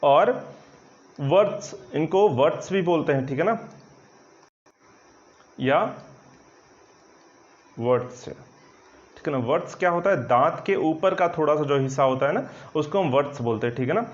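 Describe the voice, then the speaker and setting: Man, high voice, patient grammar teacher, online exam coaching, repeats check-in phrases, somewhat muffled lo-fi audio. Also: lively intonation, normal speed, pauses often. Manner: explains patiently, repeating "ठीक है ना" often. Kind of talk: online exam-prep lesson. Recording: slightly dull lo-fi sound.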